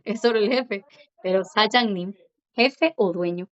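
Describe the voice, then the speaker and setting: A woman teaching a Korean class, who repeats words slowly and keeps checking in with her students. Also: mid-range voice, a bit bright. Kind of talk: online class explanation. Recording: dull lo-fi audio.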